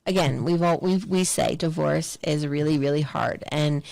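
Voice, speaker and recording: A woman's voice: low voice, moderate pace, gravelly, a little mellow, no echo, poor audio. A woman co-hosting a podcast, speaking in casual, candid chat and telling her own stories bluntly and with some swearing. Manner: candid and profane, tells stories, laughs often. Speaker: podcast co-host.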